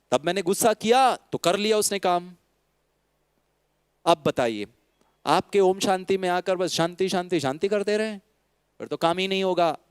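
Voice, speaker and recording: A man with an Indian accent gives a spiritual talk to an audience, slipping between Hindi and English. His voice is smooth, resonant and fairly high for a man, recorded close and dry. He teases with rhetorical questions and briefly acts out the people he quotes. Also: dry recording. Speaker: spiritual speaker.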